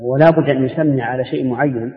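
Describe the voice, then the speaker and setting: A man, a religious scholar answering questions in an open session, explaining in a measured, step-by-step way. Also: mid-range voice, fairly even intonation. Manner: measured, explanatory, restarts words. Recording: tinny lo-fi tape with long hall reverb.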